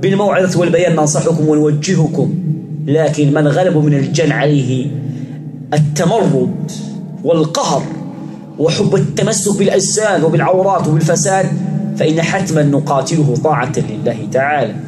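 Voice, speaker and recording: A man's voice: a little high, lively intonation, brisk, very noisy. A man leading an exorcism session, reciting verses and issuing short, repeated commands. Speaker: Islamic exorcist. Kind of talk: ruqya session with Quranic recitation. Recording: roomy with music behind.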